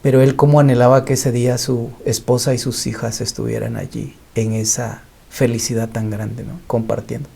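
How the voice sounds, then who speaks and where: A pastor tells earnest stories in a Bible study panel discussion. His voice is dark and mellow, with a gravelly edge of vocal fry. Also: medium pitch. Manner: storytelling, earnest testimony.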